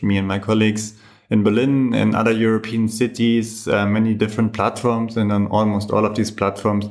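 A male researcher, a guest in an interview, explaining his findings in an articulate, lecture-like way. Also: fairly low pitch. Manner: articulate, lecturing, organized points.

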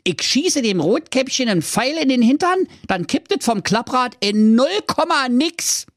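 A man's voice: big pitch swings, no room sound, studio quality, heavily acted. A man voicing a keen little male dwarf agent who lays out his plan in a radio comedy story. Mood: eager. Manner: keen, squeaky, fast-talking.

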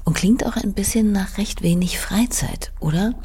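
A woman with a breathy, husky voice hosting a portrait interview in polished, narrated phrases. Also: mid-range voice, normal speed, dark tone. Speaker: host, narrator.

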